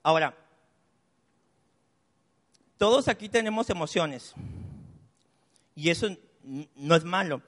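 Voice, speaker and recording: Speaking slowly and pausing often, an animated pastor with a fairly high, somewhat bright voice preaches conversationally from the pulpit. He tells personal stories and makes chatty asides, and the church hall adds a long reverb.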